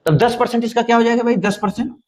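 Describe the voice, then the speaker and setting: Guy with a pretty high voice doing a maths class, keeps asking stuff and answering it himself. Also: fast, a little mellow. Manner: repetitive, asks and answers own questions. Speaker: maths teacher. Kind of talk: exam-prep maths lesson.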